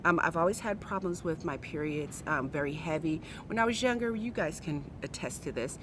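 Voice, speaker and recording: A woman in her forties vlogs casually, talking frankly, chattily and emphatically straight to her viewers. Her voice is deep with lively intonation and a brisk pace, and the background is noisy.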